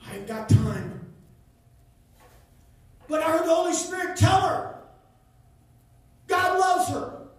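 A man preaching a sermon, telling a story with rising passion until he shouts. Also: very high voice, animated, takes it slowly, long pauses. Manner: impassioned, builds to shouting. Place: church sanctuary. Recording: echoey church from far off.

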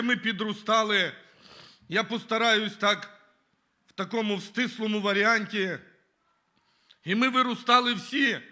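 At a church service, a man gives his testimony, earnestly reading scripture and often addressing listeners as brothers and sisters. His voice is high with a sharp tone.

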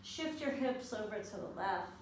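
Calm lady yoga instructor talking you thru poses slow and soothing, super echoey room, bit of background noise. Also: medium pitch. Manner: calm, unhurried, soothing guiding delivery. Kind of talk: guided yoga class instruction. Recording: echoey room, distant mic, faint noise.

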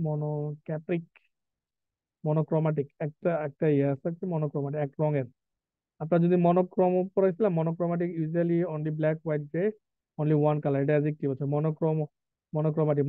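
Male vocabulary tutor, light high voice, quizzes students, tinny phone-like sound. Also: no room sound. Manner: asks students questions, reads definitions slowly. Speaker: English vocabulary teacher. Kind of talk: live class lecture mixing Bengali and English.

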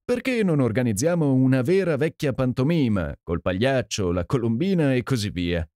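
A man reading an audiobook and voicing a boisterous, jovial Canadian gentleman with a hearty, exclamatory manner. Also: medium pitch, sing-song, normal speed, no echo, pitched above the performer's own voice, natural voice. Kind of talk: audiobook character voice. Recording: dry close sound.

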